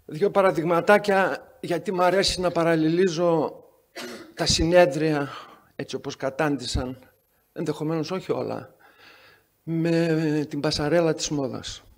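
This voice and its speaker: A man chairing a medical conference session, giving an introduction full of sarcastic, wry anecdotes. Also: a little high. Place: conference hall.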